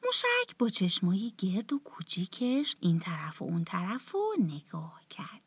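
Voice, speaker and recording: Softly whispering woman telling a bedtime story. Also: mid-range voice, huge pitch swings, breathy edge, dry recording. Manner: soft, often half-whispered, tender. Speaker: children's storyteller.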